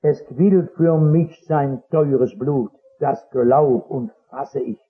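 A man's voice: a little high, slow. A man preaching as a pastor before a congregation, telling stories fervently and acting out their dialogue. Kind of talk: sermon. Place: church or hall before a congregation. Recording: dull lo-fi old recording.

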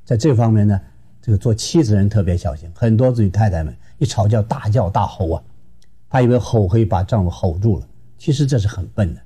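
A man from Shenyang, a marriage counselor giving an advice lecture in a lively, emphatic way. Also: on the low side, a little fast, breathy edge. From Shenyang, Northeast China. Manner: lively and emphatic, acting out quarrels.

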